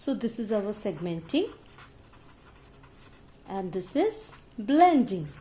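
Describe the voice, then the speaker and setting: A woman's voice: mid-range voice, sing-song, very slow, dark tone, a little hiss or hum. A young Indian woman teaching a phonics lesson in English and Hindi, sounding out letters one by one.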